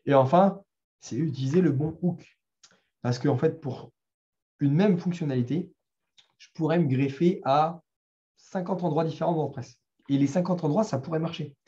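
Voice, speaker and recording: With long pauses at a moderate pace, a French-accented, middle-aged man gives a conversational live talk with a screen demo at a developer meetup, full of fillers and restarts. His voice sits on the high side with a warm tone, recorded in lo-fi.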